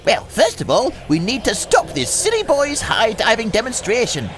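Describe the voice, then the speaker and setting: A man's voice: very high voice, huge pitch swings, moderate pace, music in the background, heavily acted. A man playing a cheeky boyish comic performer with a brash, showy manner. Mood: scheming. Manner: brash, showy, rolling alliterative verse. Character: cheeky boyish comic partner Little Jimmy. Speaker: comic stage act.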